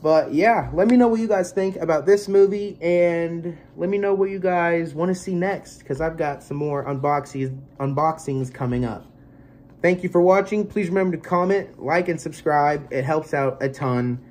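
In a small bedroom, a young man in his twenties unboxes a movie for his collector vlog, talking into a close webcam mic in a loose, filler-heavy, easygoing ramble. Allergies have him congested. His voice sits on the high side, slightly mellow, at normal speed.

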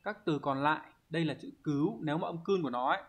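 A man's voice: fairly high pitch, fast, slightly rough. Patient man teaching Japanese vocabulary. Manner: patient, explanatory, frequent check-in questions. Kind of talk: explaining exam answers.

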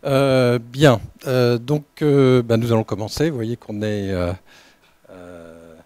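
A man giving an unscripted welcome talk as director of a research lab, halting, with many fillers and restarts. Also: mid-range voice, fairly even intonation, darkish tone, no room sound. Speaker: lab director opening a training session.

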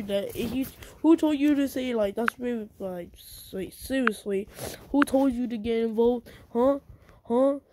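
A woman's voice: on the high side, darkish tone, a little hiss or hum. A woman hosting her own channel, ranting angrily in repetitive slang and swearing a lot. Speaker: channel host. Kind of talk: angry ranting vlog.

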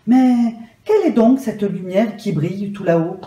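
A curious little water droplet from a storybook exclaims with wonder, as a woman puts her on. The tone is mellow and soft-edged. The recording has a roomy echo. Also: medium pitch, a little slow, natural voice.

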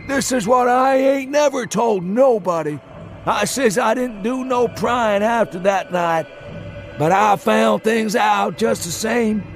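Haunted ancient man in a storybook reading, high and slow, rustic drawl. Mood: urgent, ominous. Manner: rustic old-timer dialect, drawling and insistent. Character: terrified ancient male townsman, rambling and haunted. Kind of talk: audiobook character voice. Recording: music underneath. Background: music.

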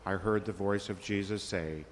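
A man's voice: low-pitched, fairly even intonation, normal speed, big-room sound, slight background noise. A man, a cantor, greeting the congregation and plainly announcing a hymn number in a monastery chapel. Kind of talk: church announcement.

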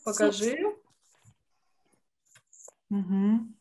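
Indoors on a video call, a woman teaches children drawing in an online lesson, encouraging them warmly and full of praise. Her medium-pitched voice, with little pitch movement and drawn-out words, comes through a video call microphone, with a crowd audible in the background.

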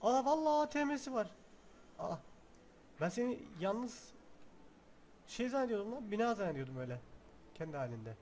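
A young man chatters through his game session with a high, bouncing voice. He scolds and teases the things on screen and jumps into sudden shouts. Faint hiss sits under the recording. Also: fast. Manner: excitable, talks to game objects, mock threats and shouts. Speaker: gaming video host. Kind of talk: casual let's-play commentary.

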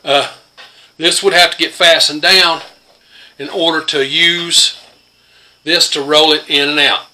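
Speaking a little high with fairly even intonation, an older man demonstrates his tools casually in his home workshop, taking a measured pace with long pauses. The homesteader host sounds pushed and bright, rambling plainly with many fillers, recorded by a phone camera near the workbench.

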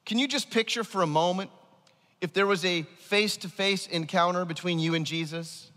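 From a large church stage, a thirty-something pastor preaches with emphasis into a headset mic, his high-pitched voice sharp in tone and moderately paced. The big hall gives the audio a long reverb.

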